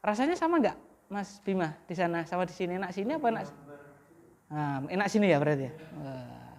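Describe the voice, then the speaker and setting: A woman's voice: fairly low pitch, sing-song, a little fast, a little mellow. A woman teaching Arabic grammar, often leaving a sentence open for students to finish. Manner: quizzes the class with half-finished questions. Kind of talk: classroom lesson.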